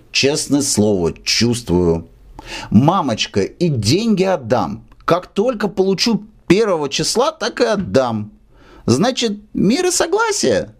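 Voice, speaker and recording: A man voicing a tearful, rambling drunk male musician who lodges in a rented room, with slow, slurred, sentimental speech. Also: a little high, husky, pitched above the performer's own voice, exaggerated voice. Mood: apologetic.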